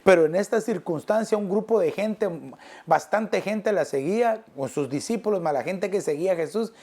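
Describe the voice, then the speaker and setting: A male pastor preaching a sermon in an earnest, pastoral way, stretching phrases out slowly and dropping soft and low. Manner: earnest, pastoral, addressing listeners as brother.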